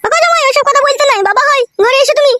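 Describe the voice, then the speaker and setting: A woman's voice: very high voice, very fast, no echo, studio quality. A woman voicing a middle-aged cartoon mother-in-law who pleads and soothes to keep the peace. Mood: coaxing. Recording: loud background noise.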